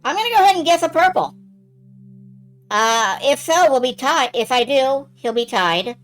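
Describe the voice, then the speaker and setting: A woman's voice: high voice, expressive, moderate pace, low-quality recording. A woman giving casual, sweary game commentary as a let's play host, narrating her own moves as she goes. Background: game music.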